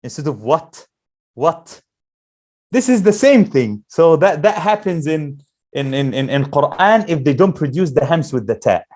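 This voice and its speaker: A man's voice: a little high, sing-song, a little mellow. Man teaching letter sounds to a class. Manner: drills letter sounds slowly, asks the class questions. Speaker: Quran teacher.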